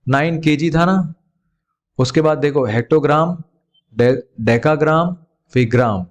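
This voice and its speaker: A man's voice: fairly high pitch, a little slow. A man with an Indian English accent teaching a children's math lesson, calling his students "beta" and asking questions he then answers himself.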